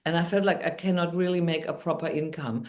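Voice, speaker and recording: A woman's voice: on the low side, brisk, a little mellow. A woman with a German accent, a guest on a podcast, telling her story in an upbeat way. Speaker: guest, midwife and NLP trainer. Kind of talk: podcast interview.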